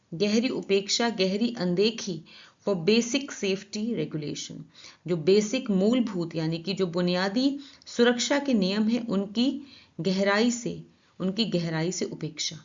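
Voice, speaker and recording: A woman with an Indian accent explains a newspaper editorial as an English teacher. She reads the English lines slowly and then explains them. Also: mid-range voice, lo-fi sound.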